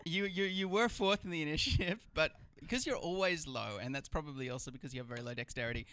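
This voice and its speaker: A man's voice: fairly high pitch, fast, a bit bright, clean tone, no room sound. A man acting as game master, improvising wry narration for a live tabletop game.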